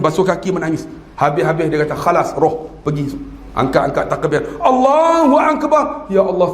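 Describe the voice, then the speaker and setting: Animated Malaysian preacher in an echoey mosque. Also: male voice, a little high, a little hiss or hum. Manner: storytelling, animated, joking with the congregation. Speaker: religious preacher. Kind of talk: mosque lecture. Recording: echoey mosque hall with faint ambience.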